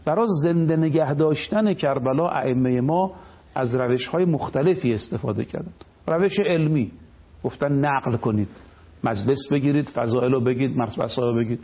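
A man's voice: mid-range voice, dull audio. A man speaking as a cleric on a television program, delivering an emphatic religious lecture. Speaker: cleric guest.

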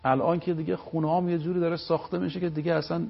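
A man giving a religious talk on a live TV program. He tells moral stories and recites sayings slowly, stressing each word. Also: fairly high pitch, flat delivery, creaky, breathy edge, highs cut off. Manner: preaching, storytelling, slow stressed recitation of sayings. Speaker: religious speaker.

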